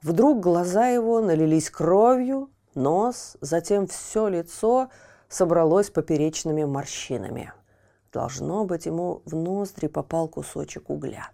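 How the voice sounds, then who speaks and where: Female storyteller for a children's audio tale; slow and highly expressive. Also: gravelly. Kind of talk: scripted fairy tale narration.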